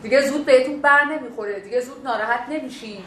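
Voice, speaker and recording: A woman teaches a class in a lively, animated way, often slipping into quoted lines of dialogue to make her point. Her voice sits a little high. The room is echoey, with faint background noise. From Bakhtiari heritage. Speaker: instructor. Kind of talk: classroom lecture on communication.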